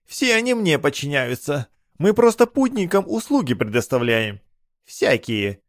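A man voicing a fat, cackling male bathhouse spirit with a high, teasing, wheedling voice. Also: sing-song, measured pace, no room sound, clean studio sound. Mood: sly.

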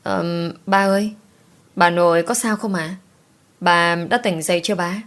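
A woman's voice: on the low side, steady tone, unhurried, a bit bright. A woman voicing a clingy, tearful eight-year-old girl in an audiobook, pleading in a raised child voice. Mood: timid.

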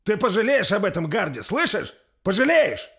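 A man's voice: medium pitch, very animated, moderate pace, pitched above the performer's own voice. A man voicing an arrogant young prince who speaks down to his lords. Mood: haughty. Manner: haughty, commanding. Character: young male prince on a throne, arrogant, quick-tempered.

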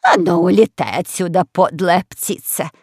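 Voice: mid-range voice, normal speed, breathy edge, dry recording, studio quality. A reader voicing a fussy, protective middle-aged queen in an audiobook, doting and indignant. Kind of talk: audiobook character voice.

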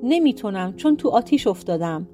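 A woman's voice: medium pitch, big pitch swings, warm tone, soft background music, lightly acted. A woman voicing a magic strand of hair that answers plainly and helplessly.

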